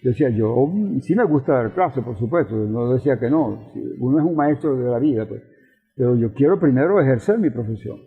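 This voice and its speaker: This professor and politician, an older man with a Venezuelan accent, looks back on the past and explains his views in a conversational interview, emphatic and repetitive. His mid-range voice is expressive, fairly quick, creaky, and a bit rough. Faint music plays under a thin, phone-like recording with roomy reverb.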